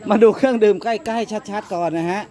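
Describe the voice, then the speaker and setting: A man's voice: high-pitched, a little fast. Man hosting a vlog over crowd noise. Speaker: vlog host. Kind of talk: casual chat.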